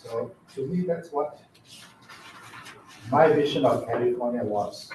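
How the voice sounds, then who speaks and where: A man's voice: mid-range voice, measured pace, slight background noise. Chatty man, echoey distant meeting room. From Malaysia. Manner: relaxed and chatty, with light self-deprecating humor. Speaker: county medical director of behavioral health. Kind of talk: informal introductory remarks at a public board meeting. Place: county board meeting room.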